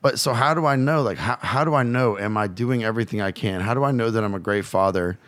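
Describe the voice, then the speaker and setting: A man's voice: fairly low pitch, quick pace, fairly bright tone, no echo. A man from Louisiana, a podcast guest who coaches fathers, telling a personal story bluntly and swearing freely. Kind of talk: candid storytelling.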